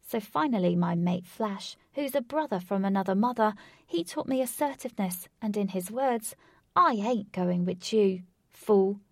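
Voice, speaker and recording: A woman's voice: medium pitch, expressive, moderate pace, vocal fry, warm tone, dry recording, clean studio sound. A woman voicing a defiant, brave young girl heroine in a storybook reading. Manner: defiant, spirited, raised voice.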